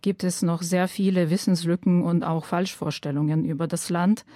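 A woman's voice: on the low side, steady tone, normal speed, warm tone, dry recording. A woman from Ukraine, a podcast guest in a radio studio, speaking earnestly and thoughtfully with frequent hesitations. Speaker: guest, activist. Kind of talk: conversational podcast talk.

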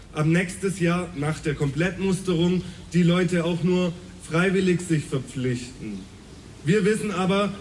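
A man's voice: fairly high pitch, darkish tone, a little hiss or hum. Earnest man giving a rally speech. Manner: earnest, polemical. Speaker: rally speaker. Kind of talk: prepared political speech.

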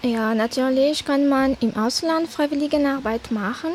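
A young woman from Madagascar, a guest on a radio show, speaking in a careful, slightly halting way. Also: high voice, a little mellow, a little hiss or hum. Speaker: guest volunteer.

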